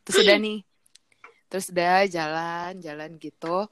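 A woman's voice: lowish voice, normal speed, a bit bright, slight background noise. A young woman telling a rambling story in casual chat, laughing between filler words.

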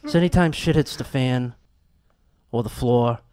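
A man doing a stand-up set, telling exasperated, profane stories with animated outbursts. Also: mid-range voice, normal speed, crowd noise. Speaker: stand-up comedian.

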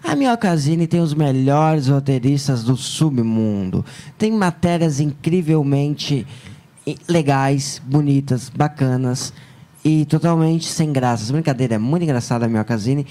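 A man hosting a live stream, joking and chatting in a playful, excitable way. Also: mid-range voice, a little slow.

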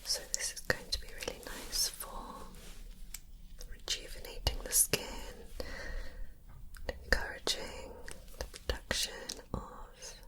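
A woman in a whispered role-play as a spa facial therapist, giving gentle, attentive instructions in a soft, soothing whisper. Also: slow, long pauses, low-quality recording.

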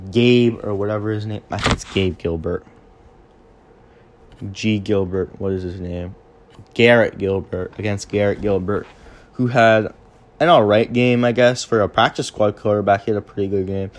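A young man with a fairly low voice hosts a casual sports podcast. He talks off the cuff and often stumbles and restarts his sentences while he recaps the games. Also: a little mellow. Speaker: podcast host.

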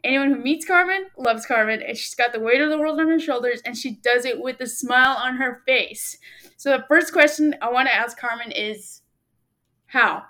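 Bright, high-voiced giggly woman host. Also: moderate pace. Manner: giggly, playful. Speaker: podcast host. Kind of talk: casual podcast chat.

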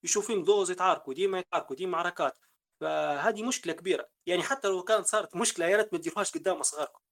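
A man's voice: high-pitched, racing, fairly bright tone. A man with a Libyan Arabic accent hosting a panel discussion, earnestly advising parents. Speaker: host.

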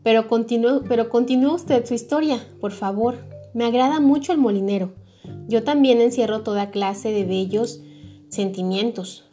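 A woman doing a chatty, self-important female water rat from a storybook. She sounds sure of her opinions in a fairly high voice. Soft music runs underneath. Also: moderate pace, natural voice.

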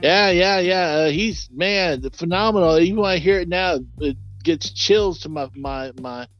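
A man co-hosting a casual podcast who talks in a relaxed, hesitant way and often gropes for names. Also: high voice, moderate pace, highs cut off, faint music behind. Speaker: podcast co-host. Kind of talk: casual chat.

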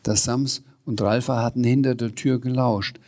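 Man, storyteller, reading a children's story aloud, relaxed, occasional slips and fillers, mid-range voice. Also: medium pitch, normal speed.

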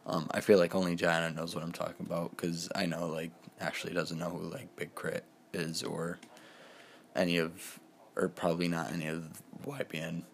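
An eighteen-year-old man talks on his own in a loose, rambling way, circling back with fillers and restarts. His voice sits very low and stays flat, with little rise or fall. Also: normal speed, vocal fry, slight background noise. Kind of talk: casual solo talk.

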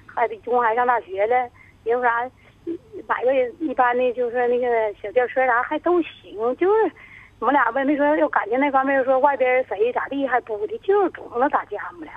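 A woman, calling in to a radio show and talking in a halting, rambling way. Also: sits high, dry recording. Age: 50s. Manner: halting, rambling, stumbles over words. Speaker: caller. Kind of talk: radio call-in, telling her troubles. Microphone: telephone. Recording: tinny dry phone line.

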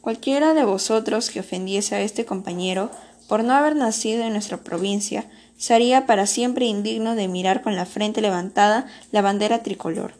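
A woman's voice: medium pitch, darkish tone, natural voice. A woman voicing a stern, solemn middle-aged male schoolteacher who addresses his class in a formal, earnest tone. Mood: grave. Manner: earnest speechmaking, measured and formal.

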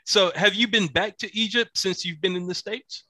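A man's voice: high voice, moderate pace, pushed and bright, no echo. A man hosting a podcast interview, asking short questions in a casual tone. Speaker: podcast host.

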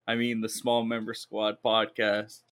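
A man's voice: on the low side, completely flat delivery, measured pace, a bit bright, smooth. A young man hosting a casual podcast over Discord, swearing freely and laughing often. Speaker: podcast host.

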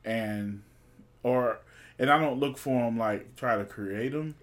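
A man's voice: medium pitch, takes it slowly, fairly bright tone. Easygoing guy cohosting a couples podcast, jokey and informal. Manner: laid-back, joking, informal. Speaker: podcast co-host. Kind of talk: casual relationship podcast chat.

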